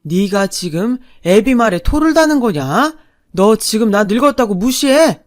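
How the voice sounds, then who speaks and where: A woman voicing a domineering, quick-tempered older father-in-law who barks orders at his family. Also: fairly low pitch, very animated. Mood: shouting. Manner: barking orders, loud and bullying.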